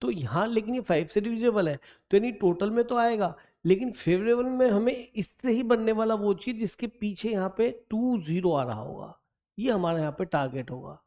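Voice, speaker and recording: A man's voice: high-pitched, expressive, moderate pace, darkish tone. A man teaching maths, talking through an exam problem step by step and coaxing his students along in mix. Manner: coaxing, addresses students as beta, thinks aloud while counting. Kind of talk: explaining exam problem on a board.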